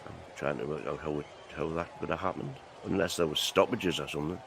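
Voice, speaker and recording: A man's voice: very deep voice, steady tone, fast, gravelly, background noise. A man co-hosting a casual match watch-along, tired after a long night of drinking, joking and chatting with a few stumbles.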